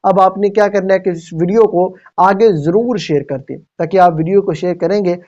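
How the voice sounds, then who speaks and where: A man's voice: high voice, fairly even intonation, a little mellow. A man earnestly addressing video viewers, explaining and repeating his points. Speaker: video presenter. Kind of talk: direct-to-viewer video outro commentary. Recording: dull lo-fi voice recording.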